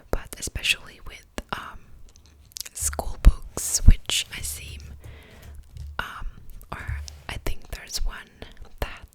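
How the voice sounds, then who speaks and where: A woman performs a whispered role-play as a helpful librarian. Her voice stays in a soft, breathy library whisper with almost no voicing. She explains things patiently and attentively, in an unhurried way. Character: patient, helpful female librarian serving a borrower. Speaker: ASMR performer playing a librarian.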